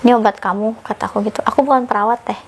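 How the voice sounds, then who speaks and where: Young woman, animated storyteller. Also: rapid-fire, slight background noise. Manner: animated, acts out quoted dialogue with sudden pitch jumps. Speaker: podcast guest telling her story. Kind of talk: casual storytelling.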